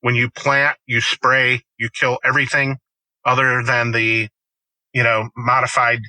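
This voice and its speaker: Bright, forceful man telling stories. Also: mid-range voice, no echo, low-quality recording. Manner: storytelling, emphatic, animated quoting. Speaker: farmer, guest. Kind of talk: conversational interview.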